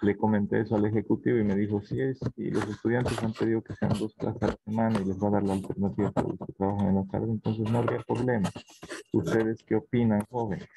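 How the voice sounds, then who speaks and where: A man with a very low voice leads a university class, explaining step by step and pausing to check that everyone follows. His recording carries a steady layer of background noise. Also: vocal fry. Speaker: university teacher. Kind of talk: online class talk.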